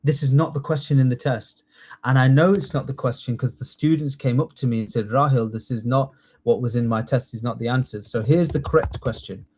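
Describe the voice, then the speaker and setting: A man teaching a live online class, lively and coaxing, repeating key words slowly for his students. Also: mid-range voice, slightly rough. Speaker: test training tutor.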